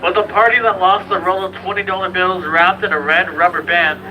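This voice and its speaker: A man making a joking, formal announcement to a ride queue over a public-address loudspeaker. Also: sits high, flat delivery, fairly quick, low-quality recording. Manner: mock-serious, formal phrasing. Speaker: theme park ride announcer. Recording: loudspeaker heard amid a theme-park crowd. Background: crowd chatter.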